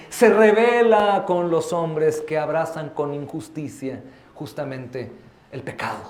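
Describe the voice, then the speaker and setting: A man's voice: a little high, a little mellow, echoey room. A male pastor preaching a sermon with fervor, often acting out other people's voices in the scenes he tells. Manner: fervent preaching, acts out voices in quoted scenes. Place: church sanctuary.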